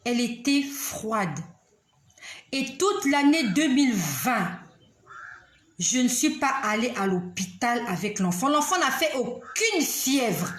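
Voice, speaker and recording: A woman's voice: sits high, a bit bright, reverberant. A middle-aged woman giving a spoken religious testimony, impassioned and rising to emphatic commands.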